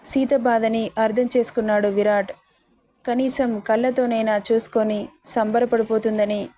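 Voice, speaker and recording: A woman's voice: on the high side, flat delivery, moderate pace, warm tone. A woman narrating a scripted story and reading all the characters' lines in her own voice. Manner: reads every character herself without changing voice.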